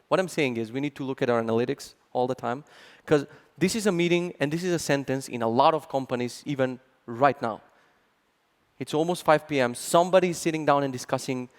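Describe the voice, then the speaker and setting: A man giving a conference talk, sarcastic and animated, acting out mock quotes as he tells stories. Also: a little high, big-room sound. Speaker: conference speaker. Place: large conference hall.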